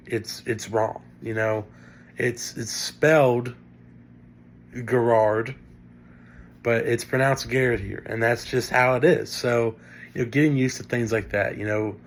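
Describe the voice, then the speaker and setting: A man's voice: mid-range voice, a little hiss or hum. A young man from northern Indiana with a Great Lakes Midwestern accent, giving a casual spoken class presentation full of fillers. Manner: casual, many fillers and restarts. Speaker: student presenting a class assignment.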